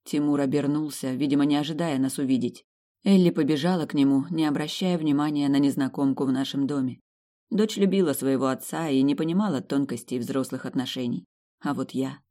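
A woman's voice: extremely low pitch, a little fast, warm tone. A woman narrating a dramatic first-person audiobook story.

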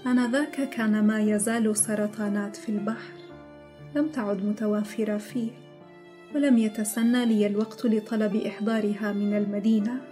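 A woman voicing an older female nurse, a devoted family servant, in an audiobook, speaking slowly, softly and carefully. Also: mid-range voice, steady tone, soft background music, lightly acted. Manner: slow, soft, careful.

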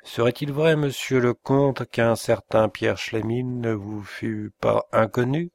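A man's voice: mid-range voice, steady tone, takes it slowly, creaky, dry recording. A man reading the part of an indignant middle-aged forest inspector and father, speaking with menace in an audiobook. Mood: probing.

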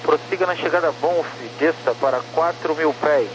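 Man, air traffic controller, higher-set voice, clipped police-radio-style calls, two-way radio effect, clear channel noise. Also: moderate pace, muffled recording. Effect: two-way radio transmission. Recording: noisy crackly aviation radio channel.

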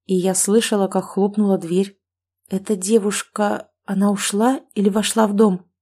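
A woman narrating an audiobook in the first person, with an even, dry reading manner. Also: medium pitch, moderate pace, breathy edge.

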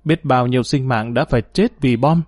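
Calm man narrating a story. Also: medium pitch, no room sound, clean studio sound. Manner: calm, measured, formal storytelling. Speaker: storyteller and program host.

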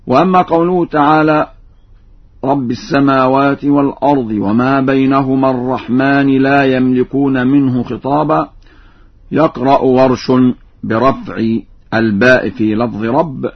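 A middle-aged man giving a formal recitation lesson, explaining in a measured voice and chanting each example slowly and melodically. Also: mid-range voice. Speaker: Quran recitation scholar. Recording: dull archival radio broadcast.

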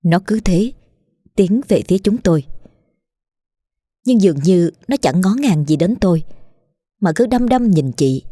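A woman reading a horror story aloud in a steady, measured and grim narration. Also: fairly low pitch, dry recording, studio quality.

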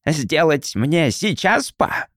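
A man voicing a vicious, spiteful boy of about seven with a creaky voice, in an audiobook. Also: on the high side, sing-song, slow, a bit bright, dry recording, studio quality, full character voice. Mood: impatient whining. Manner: whiny, threatening.

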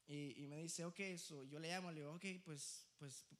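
A young man preaching, telling a personal story in a lively, joking way, often laughing and slipping into English phrases. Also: a little high, normal speed. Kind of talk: storytelling sermon.

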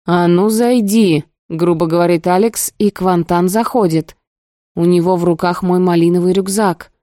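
A woman reads a first-person novel aloud in a steady, expressive storytelling voice. Her tone is mellow and warm. The recording is dry and close, with no room sound. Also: fairly low pitch, normal speed, no room sound. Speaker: audiobook narrator.

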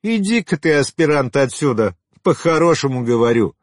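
A man voicing a haughty, sharp-tongued widowed woman in an audiobook, scornful and teasing, then falsely sweet. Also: medium pitch, very animated, slow, breathy edge, no room sound, clean studio sound, voice pushed up, heavily acted. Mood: mocking. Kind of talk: audiobook character voice.

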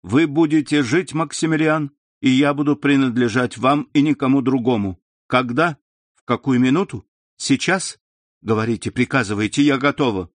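A man's voice: medium pitch, moderate pace, no room sound, lightly acted. A man voicing a young woman in love in a storybook reading, pleading and emotional. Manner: emotional, imploring delivery.

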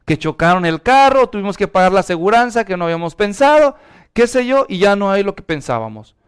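Pastor with a high, clear voice. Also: male voice, a little fast. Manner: animated, urges the congregation to respond aloud. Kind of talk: sermon.

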